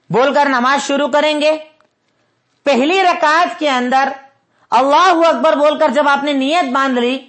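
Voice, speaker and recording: Man, religious teacher, step-by-step lesson, repeats references slowly. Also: very high-pitched, fairly bright tone. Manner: methodical, repeats points and references slowly for note-taking; asks the listeners quiz questions.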